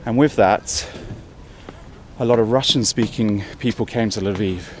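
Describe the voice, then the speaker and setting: A man's voice: fairly low pitch, measured pace, a little mellow. An English man talking while walking uphill outdoors for a travel vlog, chatty and thinking aloud, a bit out of breath. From England. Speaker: travel vlogger. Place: outdoors on a city hill walk. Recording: faint outdoor street noise.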